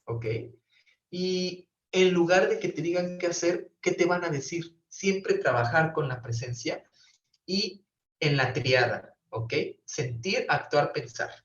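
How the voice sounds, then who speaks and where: A man's voice: fairly high pitch, takes it slowly, a bit bright. Guy teaching therapy over a video call, sounds far from the mic in an echoey room. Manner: explanatory, often checks in with "¿ok?". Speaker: professor teaching brief therapy. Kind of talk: online class lecture. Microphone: computer mic on a video call. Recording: roomy, distant, dull video-call audio.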